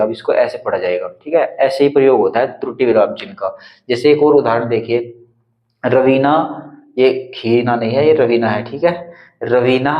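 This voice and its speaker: A male Hindi teacher explaining punctuation on a whiteboard, step by step, repeating each example. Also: medium pitch. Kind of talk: whiteboard grammar lesson. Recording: echoey room, slightly dull sound.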